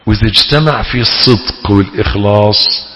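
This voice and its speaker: A man with an Egyptian Arabic accent giving a religious lesson as a sheikh, talking in a dramatic way that rises to loud, pleading emphasis. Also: on the low side, fairly quick. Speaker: sheikh teaching theology. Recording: reverberant hall.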